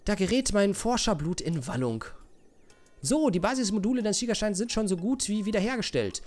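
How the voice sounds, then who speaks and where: A bubbly young inventor girl from a video game, cheeky and easily excited, voiced by a man. She giggles and chirps her lines high and bright, with a lot of lift and fall in her pitch. It is a male let's-player's own put-on voice, playful rather than polished. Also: fairly quick, faint music behind.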